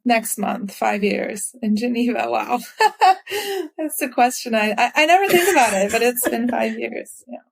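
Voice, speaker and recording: A woman's voice: a little high, lively intonation, a little slow, vocal fry. Reflective woman guest on a podcast. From Belgium and the U.S. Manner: reflective, laughs lightly. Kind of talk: casual podcast interview.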